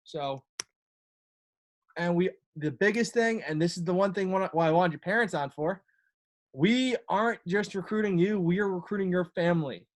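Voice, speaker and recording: A man's voice: high voice, moderate pace. A young man, a college lacrosse coach talking casually on a video call, rambling with many fillers and restarts.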